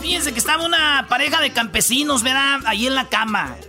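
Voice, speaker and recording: A man with a Mexican accent hosting a radio comedy show, telling jokes in a loud, playful way. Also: very high-pitched, fairly quick, music in the background. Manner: loud, playful, laughing storyteller.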